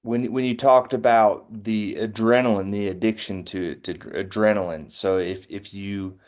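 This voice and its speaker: A man's voice: on the low side, steady tone, moderate pace. A man from North Carolina telling a personal story candidly and with self-awareness.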